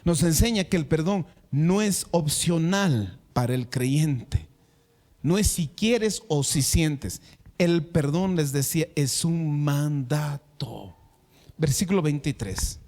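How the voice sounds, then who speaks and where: A man's voice: a little high, lively intonation, slow pace, a little mellow. A male pastor preaching a sermon who addresses the congregation directly and repeats words for emphasis.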